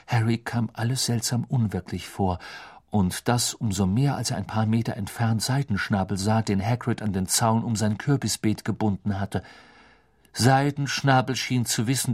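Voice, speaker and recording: A man narrating a storybook audiobook in an expressive, measured way. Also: lowish voice, husky. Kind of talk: scripted narration.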